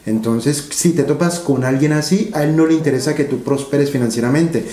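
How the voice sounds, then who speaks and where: A man talks through ideas patiently, leaning on rhetorical questions. His voice sounds mellow and dark. The room around him rings with an echo. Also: on the high side, a little fast. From Colombia. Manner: explanatory, uses analogies and rhetorical questions, gestures with hands. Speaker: interviewee, finance educator. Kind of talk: seated interview conversation. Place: office room with large windows. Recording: roomy office echo.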